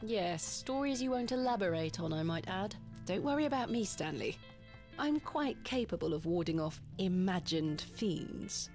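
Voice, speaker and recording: A woman's voice: lowish voice, animated, moderate pace, a little mellow, soft background music. An actress playing a composed, determined lady antiquarian with formal, wry delivery in an adventure game. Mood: composed, resolute. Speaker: video game protagonist. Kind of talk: adventure game voice acting and narration.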